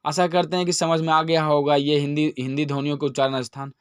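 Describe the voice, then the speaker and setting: Hindi teacher drawing out each sound. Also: male voice, fairly high pitch, flat delivery, clear, resonant tone, no echo, studio quality. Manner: slow, drawn-out sounding of each letter. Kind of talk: classroom-style grammar lesson.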